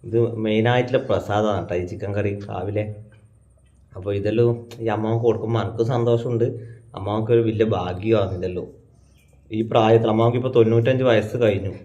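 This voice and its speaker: A man's voice: on the low side, fairly even intonation, fast. Chatty man with a North Malabar accent. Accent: North Malabar Malayalam. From Kannur, Kerala. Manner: chatty, explains things to viewers, calls out loudly to his grandmother. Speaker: family vlogger. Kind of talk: casual vlog narration. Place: family home. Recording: dull lo-fi sound.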